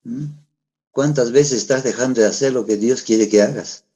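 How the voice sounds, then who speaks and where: A man's voice: medium pitch, moderate pace, mellow, slightly rough. A middle-aged man, preaching a sermon in a conversational way, asking the congregation rhetorical questions. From Peru. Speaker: pastor.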